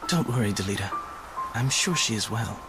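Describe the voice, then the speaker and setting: A man's voice: fairly low pitch, lively intonation, normal speed, music in the background, close to an everyday voice. Ramza, a man playing an earnest young noble knight. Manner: earnest, formal old-fashioned speech. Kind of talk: game cutscene acting. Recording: loud noise behind voice.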